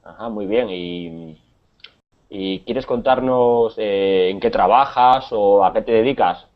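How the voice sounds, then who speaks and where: Man, accent from Spain, Spanish teacher, patient, hesitant, muffled video call sound. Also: on the low side. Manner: patient, explains slowly, many hesitations. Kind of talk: online class conversation.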